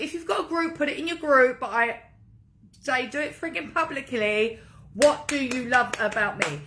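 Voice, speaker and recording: A woman with a very bright, fairly high voice speaks as a coach to her online group. She talks casually, as on a livestream, in an informal pep-talk manner, pressing her points with repetition.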